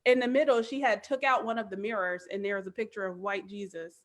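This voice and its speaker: A woman in her thirties talks as a guest on a podcast. Her pitch sits in the middle range, and she speaks with animated emphasis, leaning on "like" as she goes. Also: fast. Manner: animated, emphatic, frequent "like" fillers. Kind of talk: casual chat.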